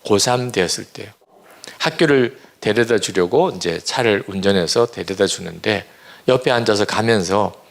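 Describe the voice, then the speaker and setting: Gravelly-voiced pastor in his fifties. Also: lowish voice, normal speed. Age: 50s. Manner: earnest personal storytelling. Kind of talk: sermon.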